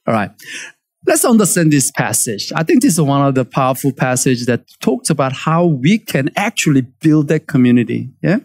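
A man's voice: medium pitch, normal speed. A male pastor preaching a sermon in a conversational way, checking in with his listeners and searching for words as he goes. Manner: animated, frequent "yeah?" check-ins and fillers.

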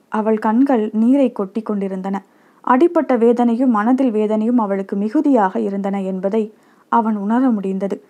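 A woman narrating a short story in a steady, expressive storytelling manner. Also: fairly high pitch.

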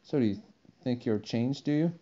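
A man's voice: mid-range voice, normal speed, dark tone, voice pushed up, natural voice. A man voicing a blunt, contrary hookah-smoking caterpillar in an audiobook, speaking curtly. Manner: curt, contrary. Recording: dull lo-fi recording.

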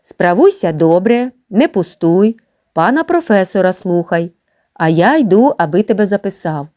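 A woman voicing a caring village father who gives his son gentle instructions in a storybook reading. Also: mid-range voice, expressive, moderate pace, no room sound, clean studio sound, close to an everyday voice. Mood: instructing.

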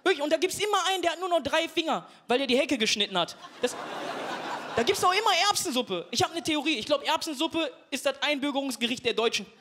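A man's voice: very high voice, animated, fast, bright, forceful tone. A young man from Duisburg doing self-mocking stand-up comedy, chatting with the audience. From Duisburg, Germany. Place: stage before a live audience. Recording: live show with audience and noise.

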